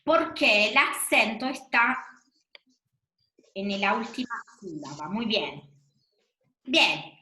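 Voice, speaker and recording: A woman's voice: mid-range voice, lively intonation, slow, pauses often, bright, forceful tone, a little hiss or hum. A woman teacher, leading an online class in a patient way, asking questions and affirming answers. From Argentina. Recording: echoey room.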